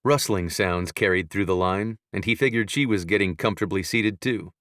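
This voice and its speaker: A man with a fairly low voice narrates a romance novel, calm and measured. The recording is dry and close, with no room sound. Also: no room sound. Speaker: audiobook narrator.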